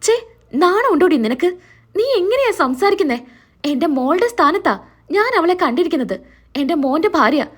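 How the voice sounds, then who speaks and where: A stern, scolding middle-aged husband from a retold TV serial drama, read out by a woman narrator. The delivery is indignant and sharp-edged. The voice sits high and moves a lot. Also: sing-song, normal speed, pauses often.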